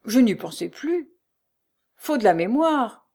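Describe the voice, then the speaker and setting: A woman's voice: on the high side, very animated, slow pace, dark tone, voice pushed up, exaggerated voice. Woman voicing a scatterbrained concierge's wife. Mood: chatty.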